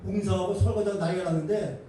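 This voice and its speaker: A male pastor preaching an animated, emphatic sermon with colloquial humor in a church. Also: high voice, quick pace. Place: church sanctuary. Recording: echoey hall, distant mic, faint noise.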